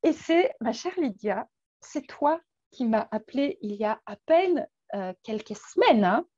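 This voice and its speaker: A woman with a Polish accent talks slowly in a casual interview, pausing often and restarting her sentences. Her voice sits a little high. The sound is dry and dull, like lo-fi call audio. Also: sing-song, a little mellow, no room sound. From Poland. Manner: hesitant, many fillers and restarts. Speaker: guest coach.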